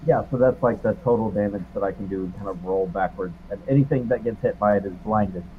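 A man's voice: lowish voice, fairly quick, a little hiss or hum. Male player, wry, self-mocking, dull muffled recording. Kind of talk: casual tabletop play.

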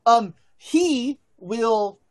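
A man improvising narration as game master of a tabletop game, thinking aloud in halting phrases. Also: very high-pitched, animated.

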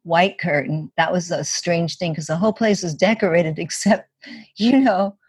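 An older woman recalls a story in a relaxed, chatty way, sprinkling in fillers and acting out quotes. Her voice is husky and sits on the low side. The sound is dry and close. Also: moderate pace, no room sound. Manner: chatty, many "like" and "you know" fillers, acts out quotes. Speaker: interviewee. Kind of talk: casual storytelling.

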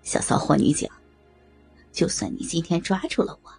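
Woman doing a gloating male criminal, low gravelly rasp, hissing sneer, audio story, faint music behind. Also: normal speed, a little mellow, heavily acted. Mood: sneering, menacing. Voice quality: gravelly, raspy. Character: menacing, leering male criminal. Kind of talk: audio drama reading.

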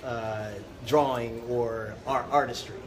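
A man's voice: medium pitch, fairly even intonation, slow pace, background noise. A man who hosts a show, chatting casually and effusively on a red carpet, repeating himself for emphasis. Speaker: show host being interviewed.

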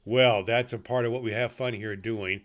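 A man's voice: medium pitch, fairly even intonation, moderate pace, very noisy. A man hosting as Santa Claus, reading a classic story aloud in a folksy, chatty way and telling jokes.

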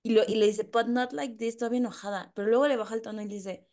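A woman with a Mexican accent co-hosting a podcast, talking in an animated, slangy, emphatic way. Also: mid-range voice, very fast, crowd noise. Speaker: podcast co-host. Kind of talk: casual chat.

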